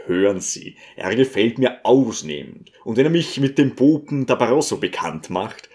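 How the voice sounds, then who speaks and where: A man voicing a smooth, scheming male visitor who talks in a coaxing, ingratiating way. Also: mid-range voice, animated, moderate pace, darkish tone, natural voice.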